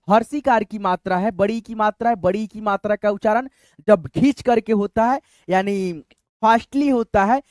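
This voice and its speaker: A man's voice: sits high, no room sound. Man teaching a spelling lesson. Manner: repeats "friends" often, drawn-out explanatory tone. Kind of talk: explanatory lesson.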